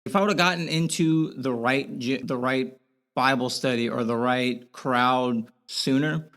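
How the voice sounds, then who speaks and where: A young man with a Boston accent, a podcast guest talking candidly in a halting way, with many restarts. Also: mid-range voice, a bit bright. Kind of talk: casual podcast interview.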